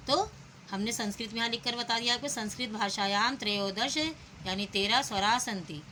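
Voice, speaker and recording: Bright-voiced woman teaching children slowly. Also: fairly high pitch, slight background noise. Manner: spells words out sound by sound, asks the children questions. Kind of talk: slow, patient classroom explanation.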